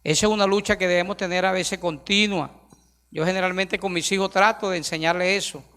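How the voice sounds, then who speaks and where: A man's voice: high-pitched, fairly even intonation, a little fast, sharp tone, clean tone. A middle-aged man preaching a sermon in a church, emphatic and full of rhetorical questions to the congregation. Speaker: pastor. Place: church sanctuary. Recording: long hall reverb.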